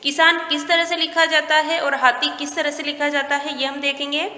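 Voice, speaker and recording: Woman, teacher, slow careful dictation for small children, high bright voice, long echo. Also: level tone. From India. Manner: slow, clear word-by-word dictation for young children. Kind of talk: primary school lesson. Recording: echoey room with long reverb.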